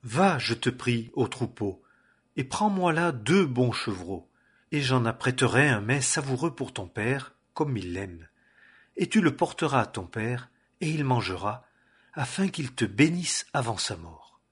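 A man reading aloud the part of a mother urging her son, in a husky voice. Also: medium pitch, sing-song, unhurried, a bit bright, full character voice.

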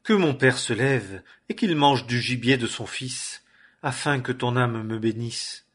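A man's voice: mid-range voice, a little slow, fairly bright tone, slightly rough. A man reading as a rugged elder son. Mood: earnest.

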